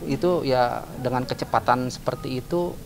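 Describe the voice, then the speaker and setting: A man in a casual interview, talking in a halting, subdued way. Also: mid-range voice, gravelly, loud music behind the voice.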